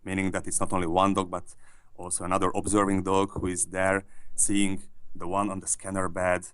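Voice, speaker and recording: A man, a scientist, explaining his research in an interview, with many pauses and restarts. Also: low-pitched, completely flat delivery, a bit bright, smooth. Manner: hesitant, many restarts and fillers. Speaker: neuroscientist interviewee.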